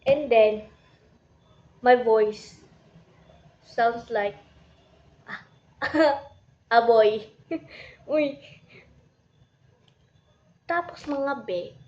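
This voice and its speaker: Woman vlogger: high, unhurried, rambling casual chat full of giggles. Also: highs cut off. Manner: giggly, rambling, mixes in English.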